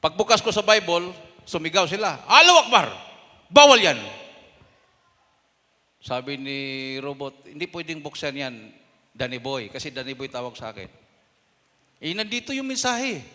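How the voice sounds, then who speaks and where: A Filipino man preaching a sermon testimony, telling a story and acting out quoted voices with sudden loud bursts. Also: medium pitch. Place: church hall. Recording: long hall reverb.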